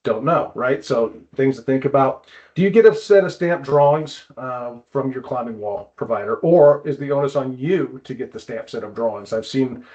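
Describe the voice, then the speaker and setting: A man with a medium-pitched, slightly mellow voice talks at a moderate pace with few pauses, and the high frequencies are cut off. He's a guest on a casual interview, a climbing wall builder and consultant speaking as a trade expert, explaining practical details and often repeating words as he goes.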